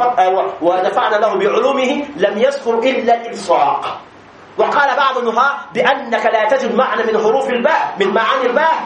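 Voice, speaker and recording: A man teaching a grammar lesson to a class, repeating examples slowly with many drawn-out fillers and checking that students follow. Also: very high voice, fairly bright tone. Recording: echoey room with faint noise.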